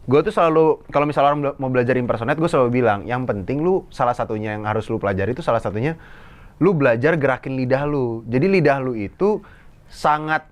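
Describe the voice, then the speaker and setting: A man's voice: medium pitch, fast. A young man, a guest comedian and impressionist, chatting casually and acting out the voices of people in his stories. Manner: animated storyteller who acts out quoted voices. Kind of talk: casual chat.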